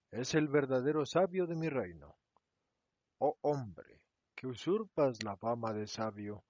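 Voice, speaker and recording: A man voicing a kind, wise old bearded king who speaks in a measured, solemn way. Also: mid-range voice, darkish tone, no echo. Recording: dull, dry lo-fi recording.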